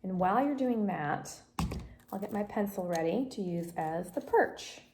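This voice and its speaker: A woman's voice: medium pitch, expressive, moderate pace, noisy background. A woman teaching a home craft tutorial on a phone camera, explaining each step patiently and coaching a child beside her. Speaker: craft instructor.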